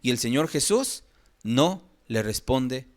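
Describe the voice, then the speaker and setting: Pastor, male, slow deliberate delivery with dramatic emphatic rises, church Bible study sermon. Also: mid-range voice, lively intonation. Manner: preaching with emphatic slow rises, rhetorical questions to the congregation.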